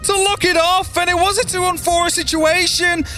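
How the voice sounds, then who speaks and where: A man giving excited esports commentary as a match caster. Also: very high voice, normal speed, faint music behind.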